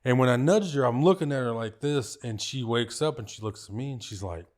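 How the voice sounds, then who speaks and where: A man's voice: medium pitch, brisk. A man with a kid of his own, a tattoo artist guest on a podcast, telling a story casually, with lots of swearing and laughing. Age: adult parent. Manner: animated, profane, laughs often.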